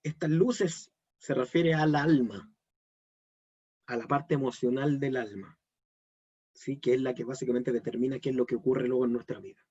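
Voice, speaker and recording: A man's voice: medium pitch, fairly even intonation, normal speed, long pauses, dark tone, slightly rough, lo-fi sound. A man giving a live online Kabbalah lesson, explaining step by step and checking in with his audience. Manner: explanatory, asks the audience questions. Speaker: Kabbalah teacher.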